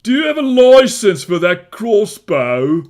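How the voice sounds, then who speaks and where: A man playing an earnest, naively inquisitive adventurer in a fantasy video game, with probing, deliberate delivery. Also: high voice, sing-song, a little mellow.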